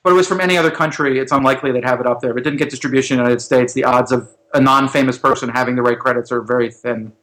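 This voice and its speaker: A man on a podcast as a guest film critic, giving opinionated talk full of quick asides. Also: mid-range voice, steady tone, fairly bright tone. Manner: fast, opinionated, talks in run-on asides. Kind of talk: casual chat.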